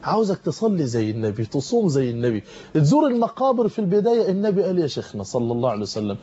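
A man with an Egyptian accent preaches at a rapid clip in a fairly high, husky voice, pressing urgent warnings on his listeners. His tone is dark and mellow, and the studio broadcast has a dull, lo-fi quality. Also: very animated. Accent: Egyptian Arabic. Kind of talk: televised sermon. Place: television studio.

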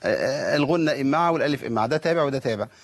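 A man's voice: mid-range voice, lively intonation, rapid-fire, husky, no room sound. A man with an Egyptian accent teaching Quran recitation, asking questions and answering them himself. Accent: Egyptian Arabic. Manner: asks and answers his own questions, models pronunciations. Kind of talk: tajweed lesson with recited examples.

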